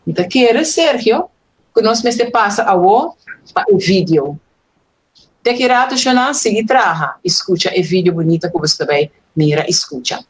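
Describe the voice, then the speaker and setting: A woman's voice: medium pitch, very animated, normal speed, slightly rough, poor audio. A woman hosting an online event, casually reading out viewer messages and short poems and counting their syllables aloud. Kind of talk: casual live-stream chat.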